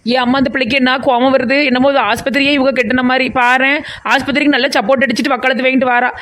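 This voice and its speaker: Woman doing a rapid-fire nosy village aunty from the far south of tamil nadu, rambling and teasing nonstop. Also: high-pitched, little pitch movement, fairly bright tone. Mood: chattering. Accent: southern Tamil Nadu (Kanyakumari–Tirunelveli). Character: chatty nosy village woman, blunt and comic. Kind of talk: cartoon comedy voice acting.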